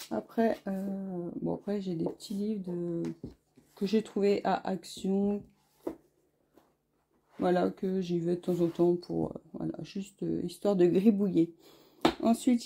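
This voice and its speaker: A woman's voice: mid-range voice, gravelly, mellow, breathy edge. A woman vlogging from home about her craft hobbies, chatty and friendly, with lots of hesitant filler sounds. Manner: friendly, speaks straight to viewers. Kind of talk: casual chatty show-and-tell vlog.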